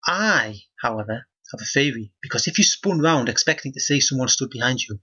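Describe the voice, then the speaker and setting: A man's voice: mid-range voice, animated, brisk, bright, forceful tone, slightly rough, dull audio. A man reading a children's book aloud, breaking off for sardonic, mock-outraged comic asides.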